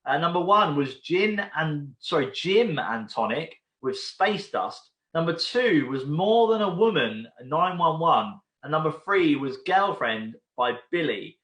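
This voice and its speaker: A man's voice: fairly high pitch, sing-song, unhurried, hardly any pauses, a bit bright. A man from the UK hosting an online pub quiz from home, chatting casually, rambling between questions and repeating each question. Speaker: quiz host. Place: room at home. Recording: roomy home recording.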